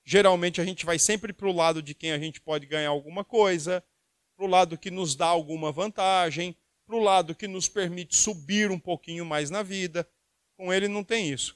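A man's voice: high voice, no room sound, studio quality. A man preaching a sermon, reading Bible verses and asking the listeners rhetorical questions.

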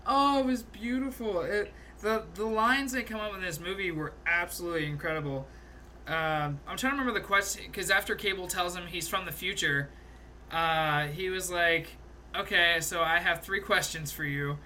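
Bright-voiced young man gushing about a movie. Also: sits high, normal speed, slight background noise. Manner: animated, swearing, laughs a lot, recounts scenes. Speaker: podcast co-host. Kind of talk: casual movie review chat.

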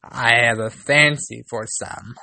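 A man's voice: mid-range voice, steady tone, takes it slowly, creaky, pushed and bright, no room sound, exaggerated voice. A man reading aloud and voicing a cruel, envious stepmother who gives curt commands. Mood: commanding. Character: cruel, envious stepmother, middle-aged woman.

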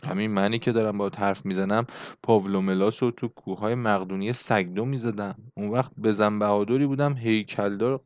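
A man voicing an older male Greek laborer in an audiobook, blunt and fiery, with a gruff, scornful manner. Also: on the low side, darkish tone, no echo, lightly acted. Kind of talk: audiobook character reading.

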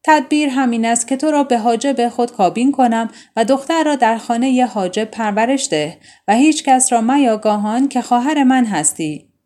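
A woman voicing a grieving, stern young prince in a storybook tale, speaking low and gravely. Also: mellow, natural voice.

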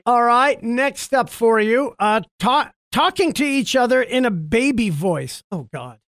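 A man's voice: extremely high pitch, expressive, unhurried, a bit bright, dry recording, studio quality. A man hosting a radio show, chatting casually and teasing his wife on the phone. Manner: joking, teasing, playful. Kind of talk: casual morning radio banter.

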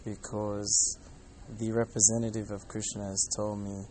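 Unhurried and lowish, with little pitch movement, a man reflects and tells stories in a rambling, informal podcast manner, casual yet earnest. The Hare Krishna devotee and podcast host speaks from an airport gate area, faint airport noise in the background.

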